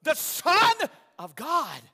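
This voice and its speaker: A man's voice: extremely high pitch, wildly swooping pitch, takes it slowly, vocal fry, sharp tone, long reverb tail, pitched above the performer's own voice, full character voice. A preacher putting on an awestruck young woman. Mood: awed.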